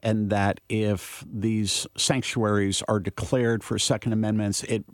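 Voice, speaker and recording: A man hosting a weekly political radio panel. He reads clear, scripted introductions and questions. The studio sound is dry and close. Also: lowish voice, level tone, measured pace, no room sound. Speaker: radio show host.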